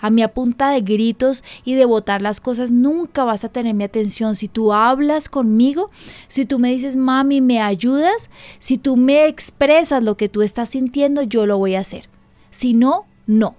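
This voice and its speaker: A woman pastor and radio host speaks with earnest emphasis, slightly high in pitch. The sound is dry and close, with no room behind her. She talks through parenting points in a conversational way. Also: normal speed, darkish tone, no room sound. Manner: earnest, emphatic, acts out dialogue with her child. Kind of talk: conversational parenting advice talk.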